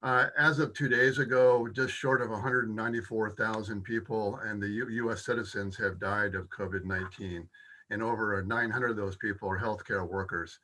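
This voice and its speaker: Male moderator, low register with a crisp bright edge, solemn formal opening remarks. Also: fairly even intonation, moderate pace, poor audio. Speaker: panel moderator.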